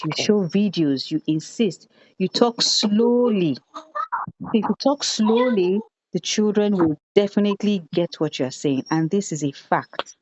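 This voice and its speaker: A woman leading a teacher training on a video call, telling classroom stories in an animated way and repeating phrases for emphasis. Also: on the low side, no room sound. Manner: animated storytelling, acts out children's voices, repeats phrases for emphasis. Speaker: education consultant leading an online teacher training. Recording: dull, dry video-call audio.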